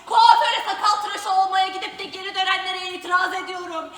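Stage comedy: woman as a stubborn woman patient, very high and bright, insistent, echoey far-off hall. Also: steady tone, brisk. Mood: protesting. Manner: insistent, repetitive protests. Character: stubborn woman patient who keeps objecting. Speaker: stage actor. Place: theatre stage.

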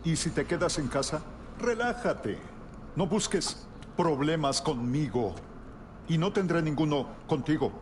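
An actor playing a sly, menacing old god king who sounds like a very old man, speaking in measured, pointed phrases in a game cutscene. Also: on the high side, expressive, a little mellow. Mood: coaxing. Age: older. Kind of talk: dramatic video game cutscene acting. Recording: clear background noise.

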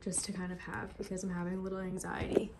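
A woman's voice: fairly low pitch, little pitch movement, creaky. Young woman vlogger, chatty and upbeat, phone held at arm's length, noisy recording. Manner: chatty, upbeat, quick asides to camera. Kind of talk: casual vlog chat. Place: beach outdoors and home rooms. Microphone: handheld phone camera at arm's length.

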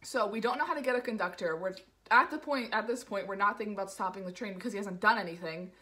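A woman's voice: mid-range voice, quick pace, pushed and bright. A young woman from the New York area telling a casual vlog story, rambling and full of "like" fillers. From New York area, USA. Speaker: vlogger.

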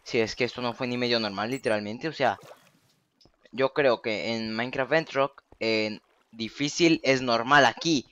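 A man's voice: medium pitch, unhurried, fairly bright tone, dull audio. Exasperated young man narrating his game. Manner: exasperated, repeats phrases in disbelief. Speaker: gaming youtuber. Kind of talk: Minecraft let's play commentary.

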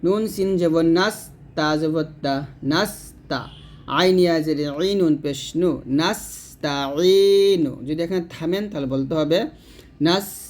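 A man teaching Quran recitation letter by letter, chanting verses slowly and then explaining pronunciation plainly. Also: a little high, a little mellow. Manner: slow drawn-out chanting alternating with plain instruction. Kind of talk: spelling-out recitation lesson.

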